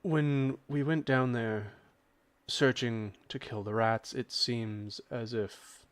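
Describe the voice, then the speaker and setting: A man voicing a kind male lizard man who speaks slowly and carefully. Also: mid-range voice, fairly even intonation, dry recording, natural voice. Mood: reassuring.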